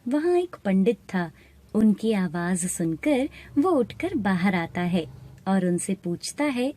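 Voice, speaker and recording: A woman narrating an animated moral story in a steady, plain storytelling manner. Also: medium pitch, slow. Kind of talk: scripted narration.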